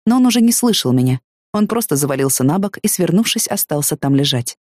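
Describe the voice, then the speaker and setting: A woman reading a first-person novel aloud in an expressive way. Her voice sits low, while her pitch moves in lively arcs across each sentence. The sound is close and dry, with no room echo. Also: fast. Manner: expressive, emotionally engaged reading. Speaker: audiobook narrator.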